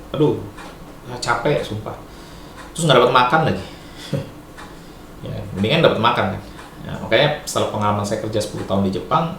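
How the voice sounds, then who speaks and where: A man's voice: mid-range voice, vocal fry. Chatty middle-aged man in an echoey room. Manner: chatty and lively, mixes in Japanese and English words, laughs often. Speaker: vlogger giving advice. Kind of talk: casual advice talk. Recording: echoey room, faint background noise.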